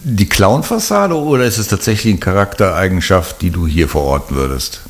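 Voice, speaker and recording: A man's voice: deep voice, expressive, brisk. A man interviewing a guest, asking curious, probing follow-up questions. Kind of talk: casual interview.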